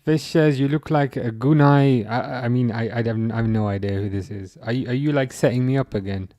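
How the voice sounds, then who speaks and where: On a casual football livestream, a young English-accented man from England reads viewers' chat aloud, rambling and restarting with repeated words. He speaks briskly at a medium pitch with a warm tone, and the audio is muffled with no room sound.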